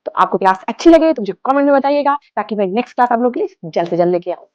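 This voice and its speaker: A young woman, an English teacher, giving a classroom lesson in Hindi and correcting words with quick rhetorical questions. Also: fairly high pitch, expressive, highs cut off.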